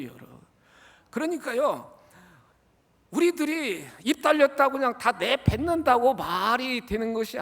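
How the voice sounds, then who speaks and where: Male pastor, high gravelly voice, lively emphatic sermon delivery with sudden soft asides. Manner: emphatic preaching, swinging from loud exclamations to hushed asides; repeatedly addresses the congregation, asking them to repeat words. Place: church sanctuary.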